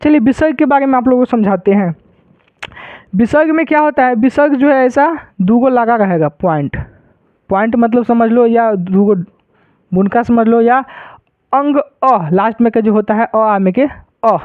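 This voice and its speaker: A male teacher explains a lesson in a very high voice. He repeats each point and keeps checking that the students follow. The sound is dry and tinny, like a phone line. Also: normal speed, no room sound. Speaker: Sanskrit teacher. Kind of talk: classroom-style lesson explanation.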